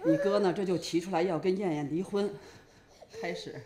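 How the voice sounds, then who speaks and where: A woman's voice: lowish voice, moderate pace, natural voice. An actress playing a doting older grandmother who soothes a crying baby. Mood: soothing. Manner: cooing, soothing. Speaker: mother and grandmother. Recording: echoey room with crowd noise.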